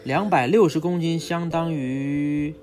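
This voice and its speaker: Hosting an easygoing chat with his young child, a father explains animals from a book step by step, sprinkling in little questions to check understanding. His voice is fairly high and measured in pace, with music underneath.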